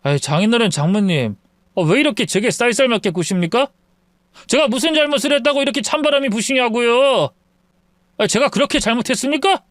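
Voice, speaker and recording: A man voicing a drunk, self-pitying young husband who pleads in a slurred, drawn-out way. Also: extremely high pitch, expressive, fairly bright tone, dry recording, studio quality, voice pushed up. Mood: drunk pleading.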